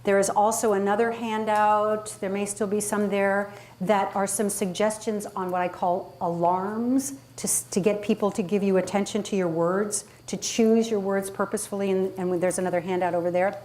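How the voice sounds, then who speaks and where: With a medium pitch, fairly even intonation, and a slightly mellow quality, a female coach talks at normal speed with few pauses. Running an interactive public speaking workshop, she speaks emphatically and conversationally and poses questions to attendees, recorded live in a room with clear background noise.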